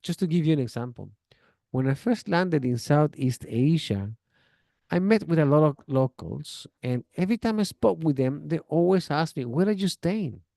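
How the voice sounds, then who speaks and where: A native Spanish speaker from Chile teaches English in a relaxed, chatty spoken lesson, giving friendly advice and acting out example exchanges. His voice is mellow and warm but a bit creaky, fairly high-pitched, at a moderate pace. The recording is close and dry, with no room sound.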